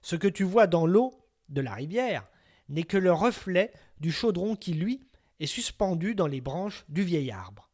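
A man voicing a wise silver salmon, king of fishes, in a storybook tale, speaking calmly and instructively. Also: high voice, measured pace.

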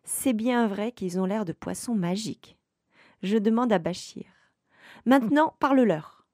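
A woman reads a tale aloud at an unhurried, deliberate pace, leaning into dramatic pauses and lively shifts of tone. Her voice sits at a middle pitch and is recorded close and dry, with no room sound around it. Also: dry recording. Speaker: storyteller. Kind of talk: expressive read-aloud storytelling.

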